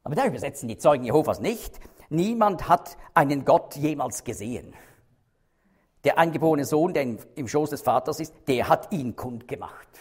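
A man's voice: fairly high pitch, a little mellow, slightly rough. A man teaching a Bible study, explaining carefully, stressing key words and checking in with his listeners.

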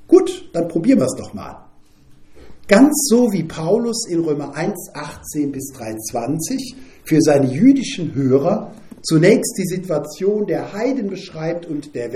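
An older man preaching a sermon in a lively, conversational way, often tagging his points with a questioning "nicht?". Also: on the high side, echoey room.

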